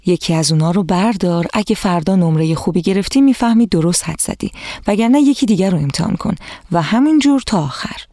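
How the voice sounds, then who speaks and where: A storyteller voicing a kind, patient old woman who used to be a teacher, speaking gently with a slightly whispery softness in a children's storybook reading. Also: mid-range voice, expressive, no room sound, studio quality, close to an everyday voice. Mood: gentle.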